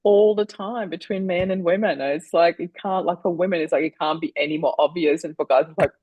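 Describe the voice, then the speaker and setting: A woman's voice: on the low side, brisk, breathy edge, highs cut off. A woman hosting a podcast interview, responding to her guest in an effusive, encouraging way. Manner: effusive, warmly encouraging listener. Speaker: podcast host. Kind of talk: conversational interview.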